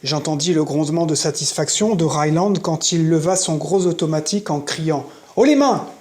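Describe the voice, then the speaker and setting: Someone reads a novel aloud for an audiobook at medium pitch. The delivery is scripted narration, kept steady and measured throughout.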